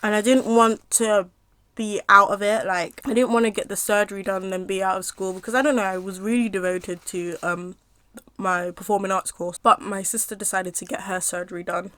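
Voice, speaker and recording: A woman's voice: medium pitch, steady tone, fairly bright tone, no echo. Chatty young woman eating and talking. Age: young adult. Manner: chatty, rambling with many fillers, pauses to eat. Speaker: mukbang vlogger. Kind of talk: casual storytime while eating.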